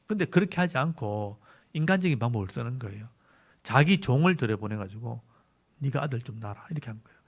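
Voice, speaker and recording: Korean pastor with a Gyeongsang accent. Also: male voice, mid-range voice. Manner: explains patiently, repeats key words for emphasis. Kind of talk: Bible lecture sermon.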